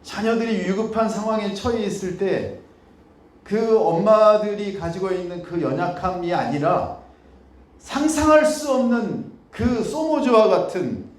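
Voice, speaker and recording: A man preaching a sermon as pastor, moving from low, quiet talk to loud pleading cries. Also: echoey room. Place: church sanctuary.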